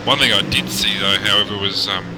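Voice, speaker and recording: A man, a racing driver, chatting in lively, joking, rambling fashion on a commentary call. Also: lowish voice, a little fast, noisy background. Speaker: race driver joining commentary.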